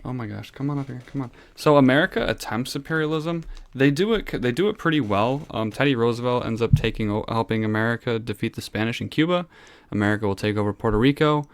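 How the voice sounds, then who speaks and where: Speaking into a desk microphone from his room at home, a man teaching history runs a loose, wandering exam review, drifting off topic and joking at his own expense. His medium-pitched voice is clear and resonant at a quick pace, in a dry recording.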